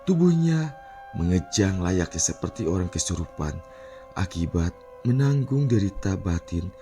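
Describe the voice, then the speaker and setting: A man narrating a dark village story with deep, mellow tones and a lively, rising-and-falling delivery. Faint music plays softly beneath his voice. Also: measured pace. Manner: expressive, dramatic. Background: faint background music.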